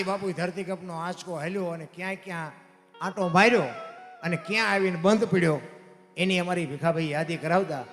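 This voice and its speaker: A man's voice: high voice, bright, forceful tone. A man, a folk storyteller talking in a homely, preachy way to a live audience and often calling them "bapu". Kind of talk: folk stage storytelling talk. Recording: long hall reverb, faint music behind.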